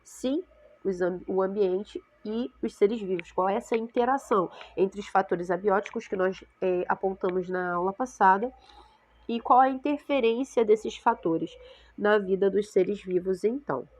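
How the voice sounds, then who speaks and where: This science teacher speaks to her sixth-grade class in a mid-range, darkish voice at a normal pace, her Brazilian Portuguese accent thickened by cold congestion. She explains patiently, frequently pausing to ask "tá?" or "né?" to make sure the students follow.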